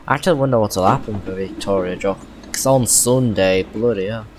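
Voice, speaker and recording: Male gamer, fairly deep, casual self-musing commentary, noticeable train noise in the background. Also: moderate pace, darkish tone. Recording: noisy game audio behind voice. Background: train and vehicle noise.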